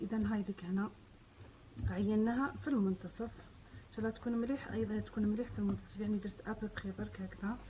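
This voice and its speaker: A woman's voice: mid-range voice, background noise. A woman with an Algerian Arabic accent hosts a casual sewing tutorial, chatting step by step, repeating herself and speaking straight to her viewers. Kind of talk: casual step-by-step craft demonstration.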